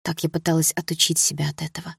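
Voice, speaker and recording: A woman reading a first-person novel aloud in an even, measured way. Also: low voice, creaky, breathy edge, no echo, clean studio sound. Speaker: audiobook narrator.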